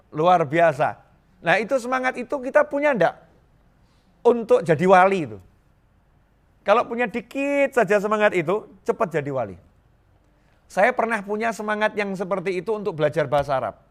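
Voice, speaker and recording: A middle-aged man from Indonesia preaching a sermon to a congregation, lively and joking, repeating phrases for emphasis. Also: on the high side. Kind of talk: Islamic sermon to a live congregation.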